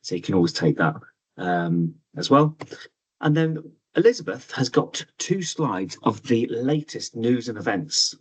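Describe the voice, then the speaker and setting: A man's voice: medium pitch, animated, measured pace, breathy edge, poor audio. A man hosting an online webinar in a chatty, hesitant way, full of ums, speaking over a video call. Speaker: webinar host. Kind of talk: casual online presentation.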